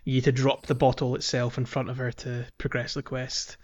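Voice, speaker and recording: On a gaming podcast, a male co-host casually recaps a video game, speaking informally and with some hesitation. His voice is medium in pitch with little movement, a little fast, and the sound is lo-fi.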